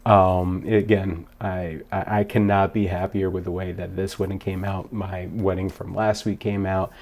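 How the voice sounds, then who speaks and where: A man's voice: sits low, little pitch movement, normal speed, darkish tone, slight background noise. A man who works as a wedding DJ, talking casually to camera in a vlog. He rambles upbeat with many fillers and is a little out of breath. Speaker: wedding DJ vlogging a gig log.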